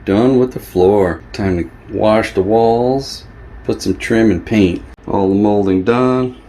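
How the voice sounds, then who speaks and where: Speaking slowly in a low, dark-toned voice, a man tosses out short, casual remarks on home repairs for a folksy vlog. The handheld camera recording is noisy, with a background hum.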